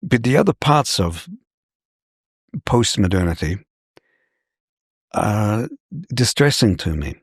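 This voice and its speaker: An older man from New Zealand answers as a scholar in an interview, measured and professorial. His low voice is gravelly and husky. The sound is dry and close. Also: sing-song, no echo. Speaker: scholar guest.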